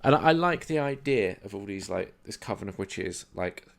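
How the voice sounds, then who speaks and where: A man with a fairly low voice, relaxed on a casual film podcast. He nods along with frequent yeahs. When it's his turn he lays out the story step by step. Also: moderate pace, gravelly. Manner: easygoing, lots of agreeing yeahs, explains plot step by step. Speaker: podcast co-host.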